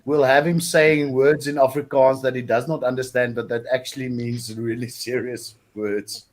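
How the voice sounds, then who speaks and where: A man's voice: mid-range voice, flat delivery, normal speed, slight background noise. A man with a South African accent chatting casually and telling stories among friends on a talk show. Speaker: panelist on a chat show. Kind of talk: casual chat and storytelling.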